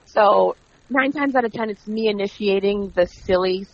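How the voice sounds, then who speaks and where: A woman being interviewed as a wrestling commentator, telling stories in a chatty, animated way and acting out quoted dialogue. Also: mid-range voice, normal speed. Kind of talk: casual interview. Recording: dull lo-fi audio.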